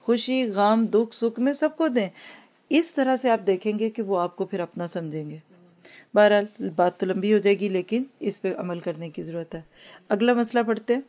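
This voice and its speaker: Woman giving a religious class, mixes in english, slows way down to recite arabic lines. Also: medium pitch, a little mellow. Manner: slow recitation of Arabic phrases for the class to repeat; Urdu-Hindi mixed with English words. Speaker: religious teacher. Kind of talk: Islamic lesson to women.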